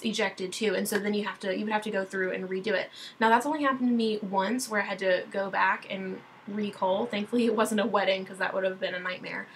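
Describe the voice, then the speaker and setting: A young woman talks through a screen-recorded tutorial at her computer, chatty and loose, full of ums and self-corrections. Her voice sits at a middle pitch for a woman. A faint hiss of room noise hangs behind her. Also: a bit bright, rough recording. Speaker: wedding photographer teaching software.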